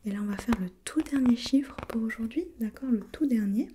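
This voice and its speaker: A woman playing a gentle, patient preschool teacher in a soft, breathy ASMR role-play, encouraging and repeating softly. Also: a little high, a little fast, background noise, close to an everyday voice.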